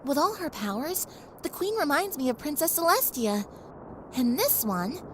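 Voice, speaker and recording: With a high-pitched, sing-song voice at normal speed, a woman acts as a young pony princess in an audio drama, earnest, playful and polite, friendly yet a touch grand. The audio is poor, with a little hiss or hum and faint ambience behind her.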